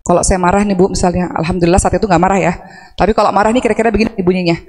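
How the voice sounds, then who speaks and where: A woman's voice: fairly low pitch, fairly even intonation, racing, a little mellow. A woman preacher talking casually to a women's audience, asking them questions and acting out anguished prayers. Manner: conversational, asks the audience questions; acts out anguished prayers in a raised voice. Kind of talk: religious talk to women. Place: large mosque hall. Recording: long hall reverb.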